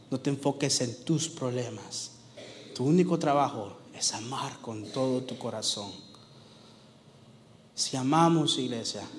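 Male preacher, mid-pitched voice, long church reverb, faint room noise, sermon storytelling. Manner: storytelling preacher, slowing down and softening for tender moments. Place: church sanctuary.

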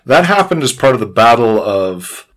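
A man talking through history in a casual but informative way, measured and precise, with careful qualifications. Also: medium pitch, big pitch swings, a bit bright. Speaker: history discussion speaker.

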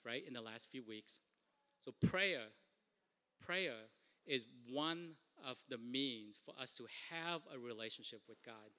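A pastor with a Vietnamese accent preaches a sermon earnestly in a mid-range, sharp-toned voice. He often repeats and restarts his words, and the long reverb of a large hall surrounds him.

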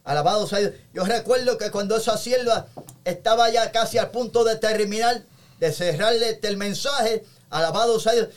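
A male evangelist with a notably high voice, telling his testimony with fervor. He keeps dropping short praise phrases between his sentences, in a warm conversational interview pace. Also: moderate pace. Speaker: evangelist guest.

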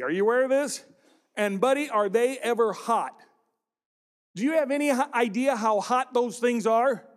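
A middle-aged man preaching a sermon, with playful joking asides to the congregation. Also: very high voice. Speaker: pastor.

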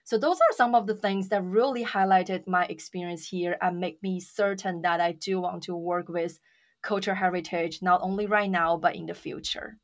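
A woman's voice: on the low side, steady tone, moderate pace. A woman who works as a librarian and museum educator, reflecting earnestly on her work in a conversational podcast interview.

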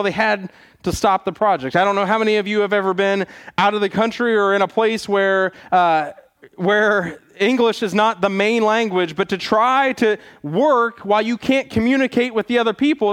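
Male preacher, high-pitched voice, earnest exhortation, church sermon delivery, emphatic pauses on key phrases. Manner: earnest exhorting, with rhetorical questions and repetition.

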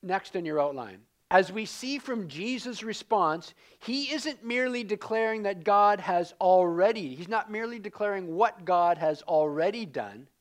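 Lively man teaching a Bible class. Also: sits high, moderate pace, few pauses. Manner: repeats key points, addresses class directly.

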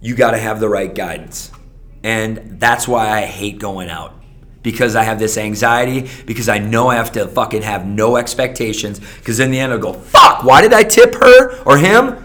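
A man's voice: lowish voice, fairly even intonation, normal speed, fairly bright tone. Profane, ranting man. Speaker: restaurant server. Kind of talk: casual conversation.

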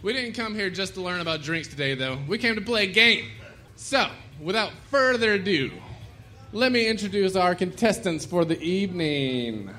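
A man's voice: high voice, animated, normal speed, pushed and bright. A man hosting a live comedy trivia show on a bar stage, joking and laughing between lines. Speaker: game show host. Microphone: stage microphone.

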